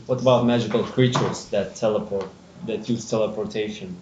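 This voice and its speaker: Flat, low-voiced man asking questions. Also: a little fast, reverberant, muffled recording, a little hiss or hum. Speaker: player. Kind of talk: casual tabletop play.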